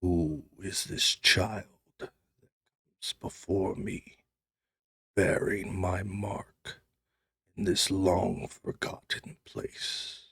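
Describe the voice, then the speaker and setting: A man voicing an ancient, menacing dark god with a deep, rumbling, hushed voice in a tabletop game. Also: little pitch movement, creaky, breathy edge, no room sound, exaggerated voice. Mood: menacing, curious. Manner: slow, ominous, curious.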